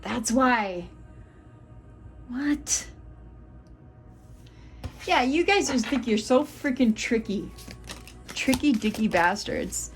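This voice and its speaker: A woman doing a tarot reading, talking slowly and pausing between cards. She gets openly fed up, muttering and swearing at the cards while faint music plays behind her. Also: a little high, animated. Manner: exasperated, swearing, muttering asides. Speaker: tarot reader. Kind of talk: channeled tarot reading to viewers.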